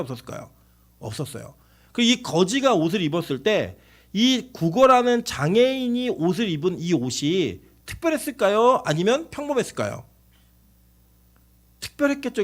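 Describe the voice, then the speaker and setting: A man preaching a Korean church sermon as pastor, animated and acting out shouted quotes. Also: high voice.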